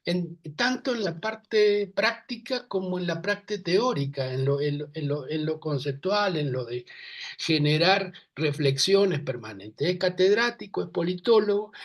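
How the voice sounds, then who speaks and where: Higher-voiced man introducing a guest. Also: normal speed. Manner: rambling, self-correcting. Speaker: host.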